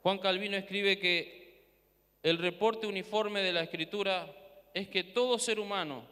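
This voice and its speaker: A man preaching a sermon and reading scripture in a theatrical, declamatory way with dramatic pauses, in an echoey hall. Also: high voice, pushed and bright, clean tone. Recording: echoey hall with long reverb.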